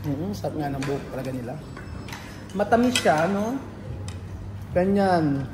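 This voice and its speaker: At a measured pace and with lively intonation, a man from the Philippines chats casually in a food vlog, tasting dishes during a shared restaurant meal. He mixes Tagalog and English and laughs a lot, his voice fairly high in pitch. There's a large-hall sound with background noise.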